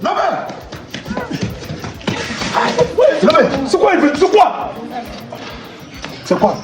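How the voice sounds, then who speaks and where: Comic sketch: a man plays an excitable Cameroonian brother, high and animated in pitch, over background music. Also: takes it slowly, heavily acted. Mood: accusing. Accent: Cameroonian French. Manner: repeats commands, swings between pleading and shouting. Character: excitable man defending his brother, trying to calm a quarrel. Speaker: actor in a comedy sketch.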